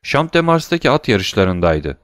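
A worldly gentleman of thirty with a fatherly air, read by a man in a low, even voice. The sound is dry and close. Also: normal speed, no echo. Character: thirty-year-old gentleman, worldly and paternal.

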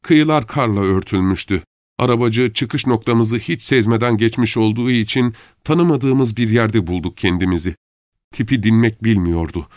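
A man calmly narrating a story in a measured audiobook style. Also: on the low side, dry recording, clean studio sound.

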